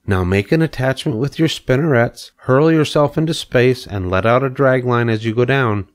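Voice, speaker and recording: A man voicing a clever, patient female spider in a storybook, measured and matter-of-fact. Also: medium pitch, voice pushed up, natural voice. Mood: coaching. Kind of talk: storybook character reading.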